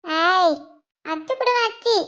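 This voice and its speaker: Amirtha, a squeaky tipsy wife. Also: moderate pace, sharp tone, dull audio, exaggerated voice. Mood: teasing. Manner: pleading, childish, teasing. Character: tipsy young wife, clingy and whiny.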